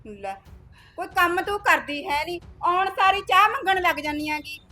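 A woman's voice: very high-pitched, expressive, normal speed, bright, forceful tone, soft background music, exaggerated voice. A woman acting as a rude young daughter-in-law, taunting and snappish. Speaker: actor in a short film.

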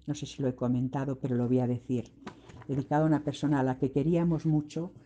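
A woman teaching a body-expression class, guiding her students step by step through an acted scene in a deliberate, instructive way. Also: extremely low pitch, flat delivery, warm tone, muffled recording, slight background noise. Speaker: drama teacher.

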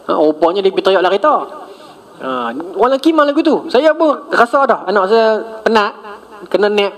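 A middle-aged man giving a mosque lecture, telling stories animatedly and addressing the congregation directly. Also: high-pitched. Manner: animated storytelling, addresses audience as tuan-tuan. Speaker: religious lecturer.

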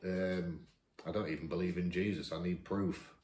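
Here a deep, darkish male voice moves at a moderate pace with fairly even intonation. He's a 51-year-old YouTuber from Lincolnshire, England, doing casual Q&A from his dining room table, reading each question out before giving a chatty, self-mocking reply. The sound comes from a camera opposite him and the room echoes.

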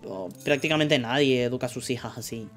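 A man's voice: mid-range voice, brisk, fairly bright tone, soft background music. A man from streaming a cooking game, chatting casually and muttering order items under his breath, swearing when frustrated. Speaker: gameplay streamer. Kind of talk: casual commentary while playing.

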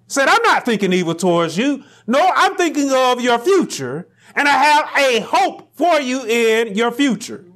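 A middle-aged man preaching a sermon from a pulpit in a small church room, building to near shouts on key lines. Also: extremely high pitch. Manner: rising to near shouts on emphatic lines, slow deliberate phrasing. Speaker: pastor.

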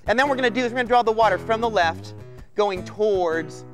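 Middle-aged man, American accent, very high voice, hyped children's show host, surfer slang, drawing instructor, music behind. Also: fast. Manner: excitable surfer-dude patter full of slang. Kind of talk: hyped kids' TV presenting, step-by-step drawing instruction. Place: TV studio set with children as audience.

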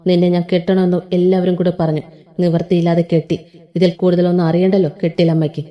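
A woman's voice: lowish voice, flat delivery, fast, highs cut off, close to an everyday voice. A woman voicing a cruel, domineering young husband in his twenties who talks in a harsh, taunting, threatening way. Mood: contemptuous.

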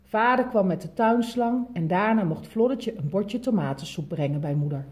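A woman with a Dutch accent reading a picture book aloud to toddlers, telling it in a lively way. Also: mid-range voice, normal speed. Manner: lively, animated storytelling with big voice changes for quotes. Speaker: children's story reader.

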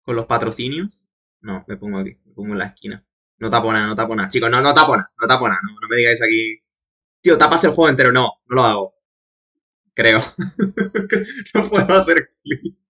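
A man's voice: mid-range voice, fairly quick, bright, forceful tone. A young man with a Spain Spanish accent streaming a game, chatting casually and cursing as he talks to his chat. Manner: chatty, profane, laughing asides to chat. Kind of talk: casual live-stream commentary.

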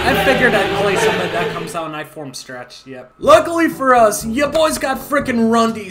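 A young man hosting a gaming channel, giving loud, joking, profane and rambling video game commentary. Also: high-pitched.

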